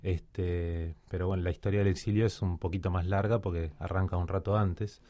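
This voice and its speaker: A man's voice: deep voice, fairly even intonation, normal speed, mellow, no room sound. A man, a guest on a radio talk show, speaking hesitantly with many fillers, a little nervous. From Cuba. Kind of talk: casual radio interview.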